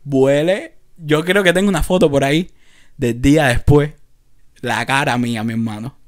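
A young man from Cuba with a Havana accent, telling lively anecdotes on a casual podcast with lots of street slang. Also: mid-range voice, moderate pace. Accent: Cuban, Havana. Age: young adult. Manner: animated anecdotes with frequent laughter and street slang. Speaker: podcast co-host. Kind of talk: casual chat, storytelling.

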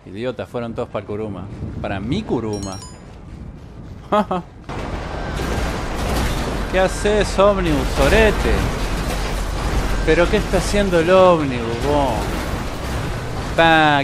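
A man with a Rioplatense accent giving excitable, mocking gameplay commentary and swearing often. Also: mid-range voice, noisy background. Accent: Rioplatense Spanish. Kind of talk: casual let's-play commentary. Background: game music and gunfire.

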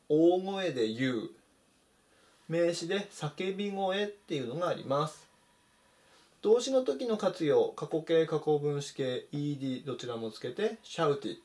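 Casting: male English teacher, slightly high voice with a lot of pitch movement, methodical lesson delivery. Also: a little mellow. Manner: methodical, stresses pronunciation points. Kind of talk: explanatory vocabulary lesson.

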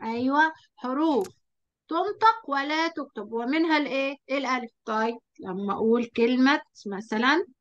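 A woman with an Egyptian Arabic accent, teaching a lesson at a whiteboard, quizzing her pupil and drawing out example words slowly. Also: high-pitched, expressive, lo-fi sound.

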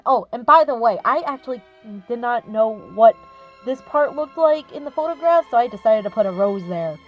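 A woman's voice: fairly high pitch, rough recording. A woman hosting her own channel, chatting casually about history while showing her speed art, often correcting herself. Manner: chatty, with frequent self-corrections. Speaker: YouTube artist and channel host.

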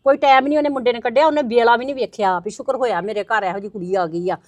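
A woman's voice: fairly high pitch, fairly even intonation, no echo, studio quality, natural voice. A woman acting a blunt middle-aged village woman who accuses and argues. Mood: accusing. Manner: fast, accusing, argumentative. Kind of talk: web drama acting.

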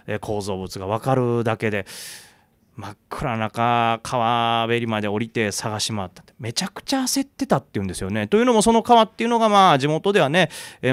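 A man telling a ghost story live in a bar, narrating dramatically and with suspense, building tension through pauses. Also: medium pitch, clean tone, dry recording.

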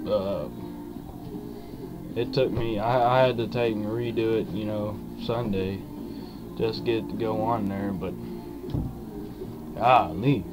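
This dip review vlogger, a young adult man, talks around a wad of lipped dip with a lowish, fairly even voice, his delivery slow, folksy and halting. The rough audio comes from a webcam mic held at arm's length in a small wood-panelled room, with country music in the background.

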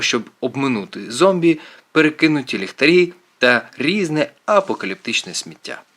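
A man reading an audiobook aloud as narrator. His reading is expressive and animated, with a voice of ordinary middle pitch that rises and falls freely.

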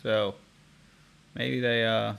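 A man vlogging casually, thinking aloud while testing software, rambling with restarts. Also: lowish voice, level tone, extremely slow, creaky, clean tone. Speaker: tech vlogger.

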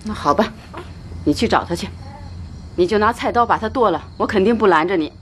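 An actress playing a sharp-tongued middle-aged mother-in-law who scolds in a TV drama. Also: mid-range voice, fairly quick, close to an everyday voice. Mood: scolding. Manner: scolding, exasperated. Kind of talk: TV drama acting. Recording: loud background noise.

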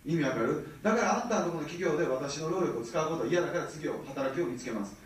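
A man in his thirties with a Kansai accent, giving an animated seminar talk and often checking that the audience follows. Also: a little high, quick pace, a little hiss or hum. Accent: Kansai Japanese. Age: 30s. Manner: animated, keeps checking the audience with rhetorical questions. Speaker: business seminar speaker. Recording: very echoey, mic far from speaker.

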